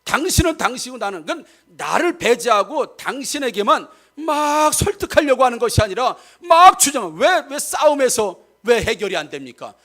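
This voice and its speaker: A man preaching a sermon to his church with a high, lively voice that swings widely in pitch. He talks straight to the congregation, and his emphatic delivery climbs toward near-shouts when he acts out arguments. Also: moderate pace, few pauses. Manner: addresses the congregation directly, asking questions. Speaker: pastor.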